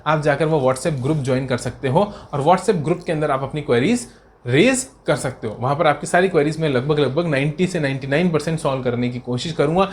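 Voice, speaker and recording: A man teaching an exam revision lecture, calling students beta and sahab, asking and answering his own questions and reading English question text slowly word by word. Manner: lively teacher voicing imagined student replies in a lower, softer tone.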